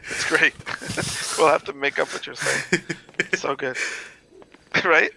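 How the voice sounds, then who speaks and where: A man's voice: on the high side, fairly even intonation, slow, creaky, noisy background. A man streaming a game, chatting casually and teasing, laughing easily as he plays host. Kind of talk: casual voice chat, playful compering.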